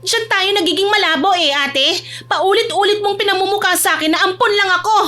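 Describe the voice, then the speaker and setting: A woman voicing a rebellious adopted teenage girl who pleads and talks back in a shrill voice. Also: steady tone, a little fast, sharp tone. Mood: defiant.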